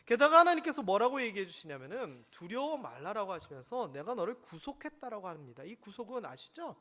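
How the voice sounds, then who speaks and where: This pastor's high-pitched voice moves a little fast as he delivers an animated sermon in a church sanctuary. He questions the congregation directly and acts out stories as he preaches.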